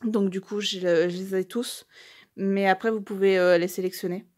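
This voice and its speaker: A woman's voice: medium pitch, steady tone, darkish tone. Gushing woman, hesitant fillers. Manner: reads English phrases slowly and stumbles. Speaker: YouTuber unboxing a tarot deck. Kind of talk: casual unboxing commentary.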